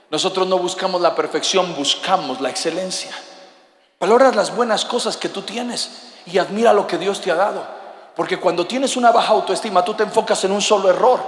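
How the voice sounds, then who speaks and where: A man preaching a sermon, animated, sometimes shouting and joking with the congregation. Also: sits high. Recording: echoey hall with long reverb.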